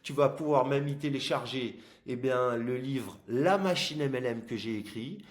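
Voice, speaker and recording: Homme à la diction gênée par une gouttière. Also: male voice, mid-range voice, moderate pace. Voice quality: slightly impeded articulation from plastic orthodontic aligners. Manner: informal, emphatic, addresses the viewer directly with examples. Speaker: host of an online marketing channel. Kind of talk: casual explanatory video talk. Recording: echoey room.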